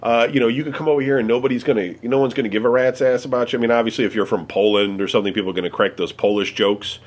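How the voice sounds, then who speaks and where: An American man answers questions in a casual chat as the interviewee, rambling with lots of fillers and swearing freely. His mid-range voice holds a steady tone while he talks at a racing pace.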